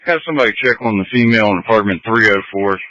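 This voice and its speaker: A man's voice: on the low side, rapid-fire, bright, forceful tone, lo-fi sound, slight background noise. A man relaying fire communications as a dispatcher over a two-way radio.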